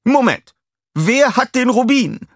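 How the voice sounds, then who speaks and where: Male reader doing a shrill, showy villain queen, slow and loud. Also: animated, dry recording, clean studio sound, heavily acted. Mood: shrieking. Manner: theatrical, exclaiming, drawn-out. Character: flamboyant glamorous female villain boss.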